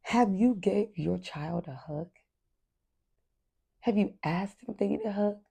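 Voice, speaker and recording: A woman's voice: mid-range voice, unhurried, gravelly, dark tone, husky. A woman hosting a parenting podcast, talking candidly and earnestly straight to her listeners. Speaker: podcast host. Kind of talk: casual podcast monologue.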